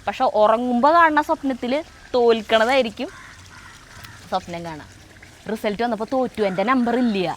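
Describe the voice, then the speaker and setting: Middle-aged woman, chatty home storyteller, slightly high voice, kitchen setting. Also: fast talker, hardly any pauses, a little hiss or hum. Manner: chatty, many fillers and self-corrections. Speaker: co-host of a family cooking vlog. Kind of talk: casual storytelling.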